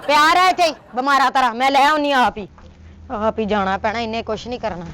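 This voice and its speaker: Punjabi woman, high pitch, sharp scolding wife in a comedy skit. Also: quick pace, a faint crowd, slight background noise. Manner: scolding, sharp-tongued, nagging. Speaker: comic actor as a scolding wife. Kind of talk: Punjabi comedy sketch acting.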